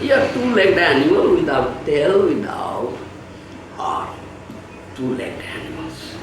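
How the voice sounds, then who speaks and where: Slow, very animated male preacher in echoey room. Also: a little high, recorded from a distance. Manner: animated, keeps asking "huh?" and acting out quotes. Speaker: spiritual teacher giving a lecture. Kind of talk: sermon. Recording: echoey room, voice from afar, faint hiss.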